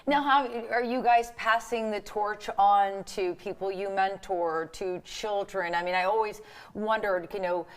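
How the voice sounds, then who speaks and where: A woman's voice: mid-range voice, fairly even intonation, a little slow, clean tone. A woman hosting a health and wellness TV show, interviewing guests in a studio with an effusive, praising manner. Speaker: TV show host.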